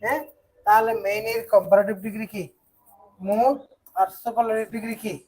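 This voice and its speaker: A teacher from Bangladesh giving an online English grammar lesson, explaining step by step and asking quick check questions. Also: mid-range voice, level tone, a little mellow, rough recording.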